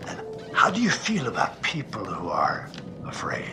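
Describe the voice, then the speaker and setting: An actor playing a sinister middle-aged male therapist in a horror game, deliberate and theatrical, dropping into hushed tones. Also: on the low side, wildly swooping pitch, in a whisper, heavily acted. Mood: probing. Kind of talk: dramatic horror game acting. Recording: music under the voice.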